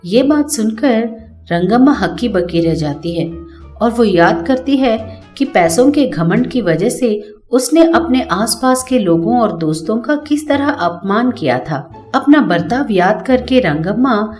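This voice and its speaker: A woman narrating a cartoon story from a script, in a plain, even storytelling way. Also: fairly high pitch, unhurried, faint music behind.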